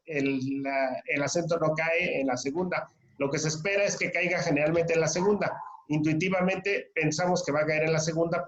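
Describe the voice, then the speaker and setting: A man's voice: fairly high pitch, fairly bright tone. A man teaching a language class over a video call, patiently explaining and calling on students by name. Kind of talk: online class instruction. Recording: echoey, dull lo-fi call audio.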